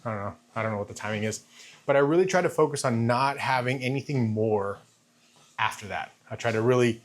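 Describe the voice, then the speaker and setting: A man in his fifties giving a casual, halting vlog monologue, thinking aloud and repeating phrases while walking on a treadmill. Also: medium pitch. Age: 50s. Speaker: fitness vlogger.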